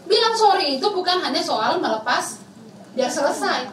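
High-voiced female speaker, lively storyteller who acts out dialogue, echoey hall, slightly distant mic. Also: normal speed. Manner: acts out child and teacher dialogue, mixes English phrases, laughs often. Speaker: speaker at a student camp session. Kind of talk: conversational talk to students. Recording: roomy hall, from the mic, faint noise.

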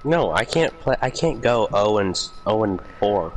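A man's voice: fairly low pitch, expressive, normal speed, a little hiss or hum, rough recording. A young man playing a shooter with a friend, insisting on his point and swearing when a round goes badly. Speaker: gaming buddy. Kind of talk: casual gaming banter.

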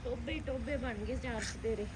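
A woman's voice: on the high side, moderate pace. A woman vlogger chatting casually about everyday things at home. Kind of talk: casual chat. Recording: noisy home recording outdoors.

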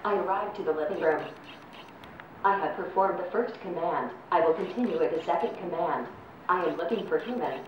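A synthetic female text-to-speech voice of a service robot, speaking in a flat, formal, evenly paced way. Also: lowish voice, brisk, distant mic, muffled recording. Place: indoor robot test arena. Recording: echoey room, heard from afar, noisy.

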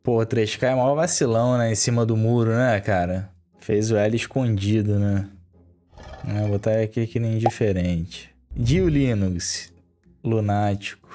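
A man's voice: on the low side, fairly even intonation, a little slow, warm tone, soft background music. A man streaming live, handing out blunt, irreverent snap verdicts full of slang.

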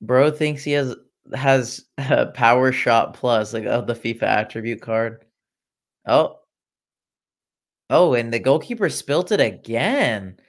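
A man's voice: mid-range voice, lively intonation, takes it slowly. A young man from Iran hosting a casual football watchalong livestream, chatting and reacting to viewer comments with sarcastic asides. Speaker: livestream host. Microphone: laptop.

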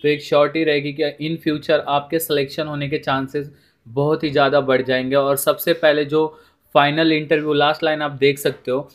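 This job information video features a man with an Indian accent and a fairly high, level voice at a moderate pace. Treating viewers like friends, he explains things informally, repeating points and mixing in English words.

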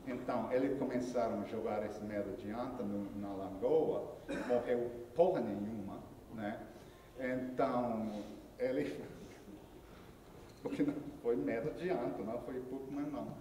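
A man lecturing on anthropology and telling a myth at an unhurried pace. He pauses often and adds little tag questions as he goes. His voice is heard from a distance in a large hall, with a long reverb and faint background noise. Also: mid-range voice, dark tone. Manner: halting storytelling with frequent tag questions and pauses.

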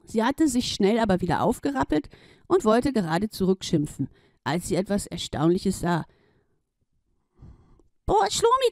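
A woman reading a children's story aloud in a playful, lively way. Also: mid-range voice, no echo, studio quality.

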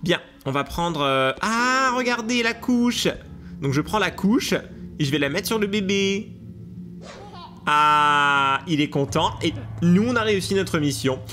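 Excitable hiccuping French gaming commentator, man. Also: high-pitched, a little slow, faint music behind. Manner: excitable, laughing, talks to viewers. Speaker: gaming YouTuber. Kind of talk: let's play commentary.

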